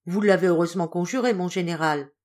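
A woman voicing a calm, loyal male servant in an audiobook, speaking in a reassuring, respectful manner. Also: fairly low pitch, moderate pace.

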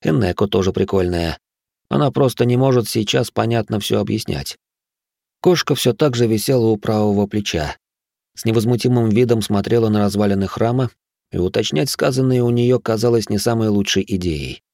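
Low-voiced man narrating an audiobook. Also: fairly quick, vocal fry, darkish tone, no room sound, clean studio sound. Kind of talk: first-person audiobook narration.

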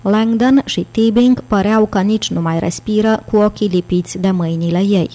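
A woman narrating an audiobook in a steady, measured reading. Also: medium pitch. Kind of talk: scripted narration.

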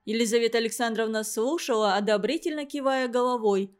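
Woman reading an audiobook, slightly high voice. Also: fairly quick. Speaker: narrator. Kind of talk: audiobook narration.

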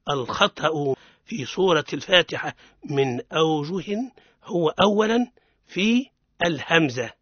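A man with a Tunisian accent leads a radio lesson on Quran recitation in a fairly high voice. He explains patiently and stretches each example word out slowly so that listeners can repeat it. The sound is dull and dry, like an old studio broadcast. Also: fairly bright tone, husky, no echo. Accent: Tunisian Arabic.

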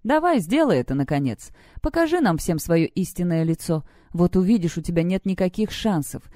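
A woman's voice: expressive, fairly quick, mellow, no echo, studio quality, lightly acted. A woman voicing a frightened teenage schoolgirl who turns frantic and threatening. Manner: trembling, then shrill and threatening.

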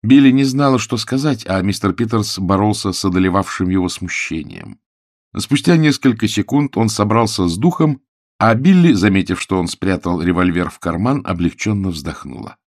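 Expressive male audiobook narrator. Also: lowish voice, moderate pace, no echo, clean studio sound. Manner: expressive, animated reading. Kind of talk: scripted narration.

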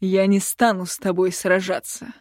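A woman voicing a domineering, cruel male emperor who gives slow, loud, imperious commands. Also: mid-range voice, monotone, no room sound, clean studio sound, close to an everyday voice.

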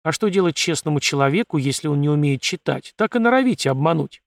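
A man's voice: on the high side, animated, quick pace, gravelly, no room sound, clean studio sound. A man voicing a suspicious, whiny little male desert scavenger who grumbles and pleads. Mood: grumbling.

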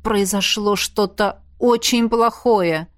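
A woman voicing a brooding young male werewolf student who speaks slowly and stubbornly, in an audiobook. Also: close to an everyday voice. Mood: grave. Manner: slow, low and stubborn. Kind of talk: audiobook character voice.

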